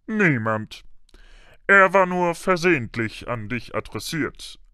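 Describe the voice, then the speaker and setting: A man's voice: on the high side, wildly swooping pitch, extremely slow, bright, forceful tone, smooth, no room sound, clean studio sound, pitched above the performer's own voice, exaggerated voice. A man voicing a blustering, panicky middle-aged uncle who barks and stammers, in an audiobook. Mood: curt. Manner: barking, stammering when rattled. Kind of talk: audiobook character voice.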